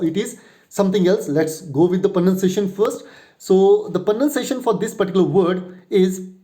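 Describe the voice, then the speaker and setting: A man's voice: on the high side, mellow. A man teaching spelling and pronunciation, spelling words out letter by letter and explaining at length with fillers. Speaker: English tutor.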